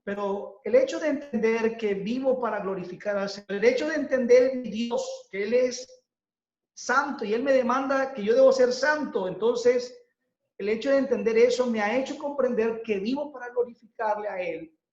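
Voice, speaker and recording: Earnest high-voiced male preacher, roomy hall. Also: moderate pace, highs cut off. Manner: earnest, repetitive preaching cadence. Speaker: pastor. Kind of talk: sermon.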